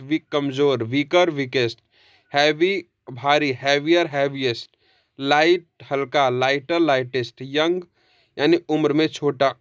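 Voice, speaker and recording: A man giving an English grammar lesson in Hindi, reading word lists slowly and pausing between words. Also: mid-range voice, dry recording, highs cut off. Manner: reads word lists slowly, with short pauses; explains in Hindi, with occasional throat clearing.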